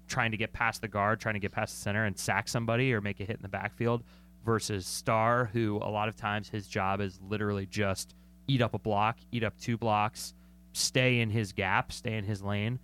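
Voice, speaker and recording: A sports podcast co-host with a lowish, pushed, bright voice and a clean tone analyzes football on a talk show. He's chatty and joking, often correcting himself mid-sentence.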